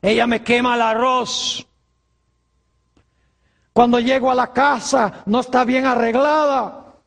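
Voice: medium pitch, fairly even intonation, slow, gravelly, fairly bright tone, in a large hall, full character voice. A preacher voicing a self-centered young husband who complains indignantly about his wife.

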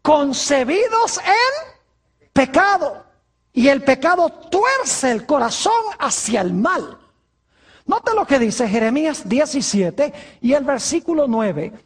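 A preacher giving a sermon, asking rhetorical questions and answering them, stretching key words slowly. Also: sits high, big pitch swings.

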